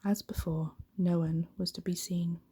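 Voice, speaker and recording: A woman's low-leaning voice carries a bedtime story in a calm ASMR manner. She speaks softly and breathily, often almost whispering, with an unhurried pace and fairly level intonation.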